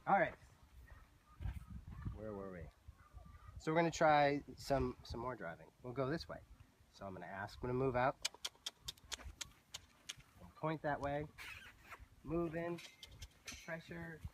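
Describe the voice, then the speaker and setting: A man teaching horse handling, giving calm, soothing voice cues to a horse outdoors. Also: mid-range voice, unhurried, long pauses. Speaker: horse trainer. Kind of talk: instructional demonstration. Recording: loud outdoor noise, distant mic.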